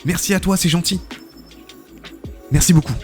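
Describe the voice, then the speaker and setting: A man with a high-sitting voice hosts a live game stream at normal speed, soft music playing behind him. He commentates on matches and reads chat aloud, chatting freely with lots of fillers and thanking viewers again and again.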